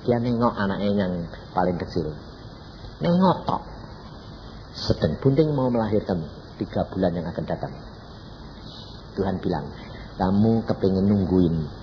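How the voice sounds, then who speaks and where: A man's voice: mid-range voice, slight background noise. A man in his eighties with a Javanese accent, preaching by telling a story and acting out its dialogues. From Indonesia. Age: 80s. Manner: animated, acts out dialogues, laughs often. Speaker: evangelist preacher. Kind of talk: storytelling sermon. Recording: reverberant hall, slightly dull sound.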